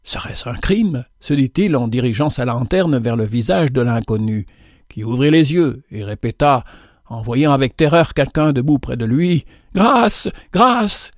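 A man giving a slow, theatrical reading of a moral parable in a preacherly manner. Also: medium pitch, a little mellow, dry recording, studio quality. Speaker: narrator.

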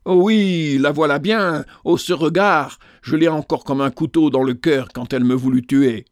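A man's voice: mid-range voice, moderate pace, no echo, studio quality, natural voice. A man voicing an agitated, vengeful male sergeant who talks vehemently in a storybook reading. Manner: excited, vehement.

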